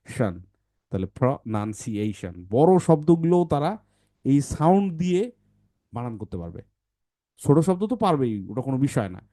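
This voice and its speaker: A man's voice: mid-range voice, big pitch swings, normal speed, long pauses, warm tone, dry recording, studio quality. A man teaching phonics, explaining the method to parents and often checking in with short questions.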